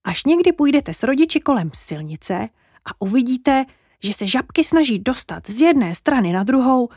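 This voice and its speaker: A woman voicing a friendly little female frog who adds a croak to her words, in a children's storybook. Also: sits high, very animated, darkish tone, no echo, clean studio sound, voice pushed up, exaggerated voice. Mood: cheerful.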